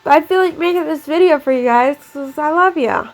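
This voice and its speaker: This young woman speaks briskly in a high voice, sounding stuffy and nasal from a cold. She chats and rambles as she narrates her game build, leaning heavily on "like," with faint music behind her.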